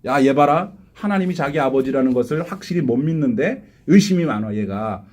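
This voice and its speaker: A pastor voicing a mocking male demon that sizes up a doubting believer, dropping his voice a little lower than his own. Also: animated, brisk, darkish tone, natural voice. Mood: sneering. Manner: mocking, cocky.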